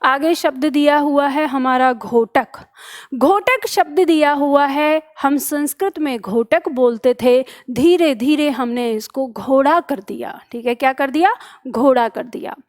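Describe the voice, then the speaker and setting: A woman's voice: sits high, a little slow. A young woman teaching an online exam-prep lesson, explaining step by step and repeating each answer back as a question. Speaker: Hindi teacher.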